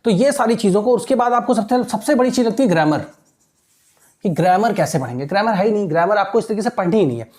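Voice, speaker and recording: A woman giving an exam-prep lesson in a mellow, warm voice. She reads English phrases slowly, then explains them at a quicker pace. She keeps asking rhetorical questions and checking that her listeners follow. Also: mid-range voice, expressive. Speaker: teacher.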